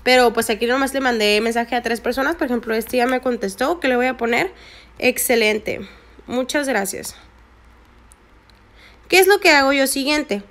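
A woman's voice: fairly high pitch, normal speed, pauses often, fairly bright tone. A woman, chatting through a phone screen tutorial and repeating her points for emphasis. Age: 20s. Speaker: network marketing vlogger. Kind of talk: screen-recorded tutorial narration.

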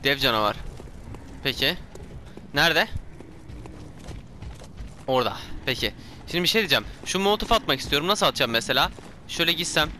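Excitable male gamer, high lively voice, bright and sharp tone, hoarse from yelling. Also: a little fast, long pauses, slight background noise. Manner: excitable, shouts and swears when startled, talks to himself. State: hoarse from shouting. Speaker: gameplay streamer. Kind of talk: live gameplay commentary.

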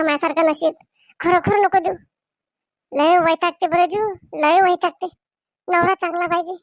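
Woman doing a whiny village auntie, high voice, dry close sound. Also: no room sound. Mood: lamenting. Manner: lamenting monologue, talks to herself. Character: aging village woman, self-pitying and grumbling. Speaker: comedy sketch performer. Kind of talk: village comedy sketch.

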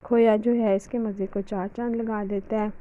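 A woman's voice: mid-range voice, level tone, moderate pace, phone-quality sound. A woman hosting a home cooking tutorial, talking in a chatty, homely way over the footage. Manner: chatty, homely, with religious greetings and fillers. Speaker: cooking channel host.

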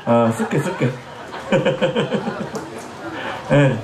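A man's voice: fairly high pitch, very animated, drawn-out words. A man in his forties from Jeolla, a pumba street performer joking and teasing the crowd on an outdoor festival stage, his throat a bit scratchy. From Jeolla, Korea. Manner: joking, teasing, chatty with the audience. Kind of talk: comic stage banter with the crowd. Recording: echoey festival PA sound.

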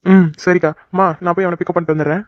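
Brisk young cartoon guy voiced by a performer. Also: medium pitch, flat delivery, dry recording, close to an everyday voice. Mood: casual. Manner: brisk, coaxing, affectionate. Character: young man, devoted son and boyfriend. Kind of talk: cartoon voice acting. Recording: dry, dull lo-fi recording.

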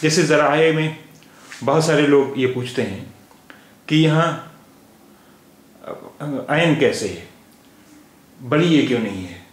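Male teacher with a Lucknow Hindi-Urdu accent, very slow and patient, slightly high voice, echoey room. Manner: patient, repeats sounds to demonstrate them. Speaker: language teacher. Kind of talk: slow spoken lesson.

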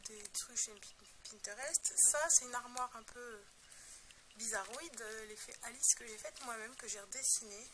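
A young woman with a slightly high voice casually shows off her scrapbook album, rambling and hesitating with plenty of fillers and self-deprecating asides. Background noise can be heard.

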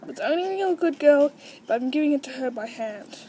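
A woman's voice: sits high, lively intonation, a little fast, warm tone, slight background noise, rough recording. A teenage girl explaining guinea pig training at home, switching to coaxing, sing-song calls to her pets. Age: teens. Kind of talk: casual home tutorial.

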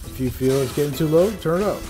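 Music plays behind a man with a slightly high voice who talks fast as he hosts his cooking channel. Cooking at an outdoor griddle, he casually walks viewers through each step.

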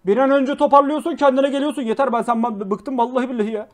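A young man streaming live, reacting to clips with loud exclamations, mock scolding and swearing. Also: very high-pitched, fairly even intonation, fast, soft background music.

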